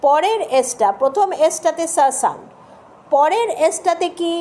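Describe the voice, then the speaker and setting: Teaching English pronunciation, a woman with a very high, warm voice speaks a little slowly with lively intonation. She spells out words letter by letter, repeats sounds with patience, and frequently makes sure her listeners are following along.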